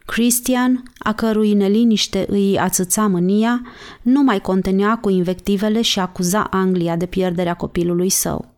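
A woman narrating a novel chapter in a measured, even reading. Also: medium pitch. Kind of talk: audiobook narration.

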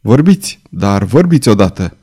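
A man voicing a proud, violent young man, jealous and bitter, in a hoarse voice. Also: on the low side, sing-song, mellow. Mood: bitter threat. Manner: bitter, threatening.

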